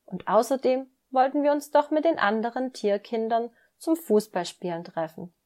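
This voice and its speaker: A woman voicing a cheerful young boy animal friend in a children's story, lively and teasing. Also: a little high, moderate pace, voice pushed up, lightly acted.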